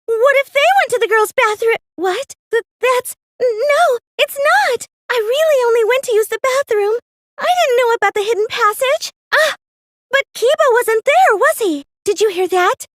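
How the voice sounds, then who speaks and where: In an anime video game dub, an actress voices a meek, plain teenage girl cosplayer who is secretly a gleeful mastermind, using a very high-pitched, animated, girlish voice at a moderate pace with no echo. She sounds defensive and flustered, earnest, and hesitant and stammering when pressed.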